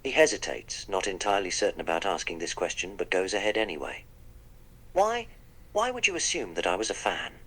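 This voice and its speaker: A man's voice: low-pitched, very animated, fairly quick, pushed and bright, heavily acted, poor audio. A man voicing the Doctor, a wry, polite eccentric time traveller, in a text-to-speech role-play that narrates his own actions.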